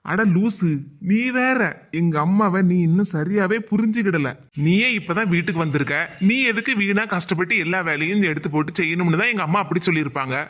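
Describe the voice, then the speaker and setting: A man's voice: high-pitched, a little fast, a bit bright, highs cut off. A man voicing a teasing young husband in a cartoon, chuckling and coaxing, with a Kanyakumari Tamil accent. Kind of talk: cartoon voice acting.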